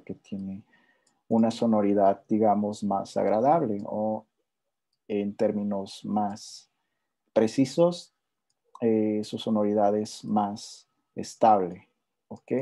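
A man teaching a relaxed music theory lesson, explaining step by step and often checking in with his listeners while playing examples on guitar. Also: on the low side. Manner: plays intervals on guitar between phrases.

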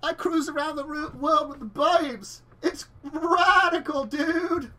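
A man voicing a laid-back yacht-owning surfer dude in a tabletop game, with an excited, stretched-out drawl like an extreme kids ad. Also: extremely high pitch, takes it slowly, pitched above the performer's own voice, heavily acted. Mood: radical, breezy.

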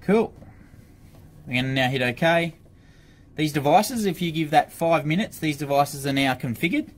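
A fairly high-pitched Australian man speaking at normal speed gives an informal, hands-on tutorial while working at his office desk. He demonstrates products for an intercom supplier. The audio picks up room ambience and background noise clearly.

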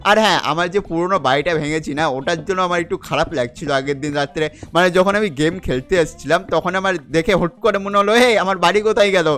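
Fast, high-voiced young man gaming. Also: a bit bright, faint music behind. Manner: chatty, keeps calling the viewer "brother", mixes in English words. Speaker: gaming channel host. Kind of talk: casual gameplay commentary.

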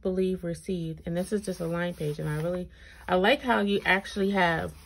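A gravelly voice on the low side belongs to a woman who hosts planner review videos. Her braces slightly impede her speech as she casually chats through a walkthrough, reading items out and thinking aloud. Only her hands are visible from overhead at an indoor tabletop, and background noise with clicks is noticeable.

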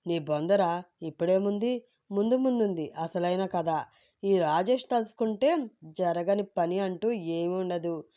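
A blustering, scheming uncle from a spoken storybook, played by a woman narrator. The voice stays mellow and close to her own, but the delivery swaggers. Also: fairly low pitch, measured pace, dull audio, natural voice. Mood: boastful. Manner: boastful and blustering. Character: boastful older man, scheming uncle.

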